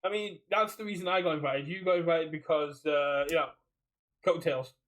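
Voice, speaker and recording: A man's voice: a little high, steady tone, normal speed, fairly bright tone, poor audio. A British man co-hosting a casual podcast chat, rambling and repeating his phrases as he goes. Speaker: podcast co-host. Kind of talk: casual chat about a card game community.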